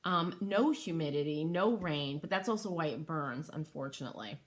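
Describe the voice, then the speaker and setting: A middle-aged woman with a deep, expressive voice speaks at normal speed as she hosts a casual craft livestream. Working on stenciling in her home workroom by an open window, she chats, thinks aloud and greets viewers by name.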